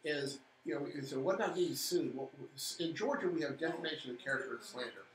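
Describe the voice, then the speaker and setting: A man co-hosting a local civic live stream, talking fast and heatedly, repeating words and turning sarcastic. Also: a little high. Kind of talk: impassioned casual talk. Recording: echoey room with faint background noise.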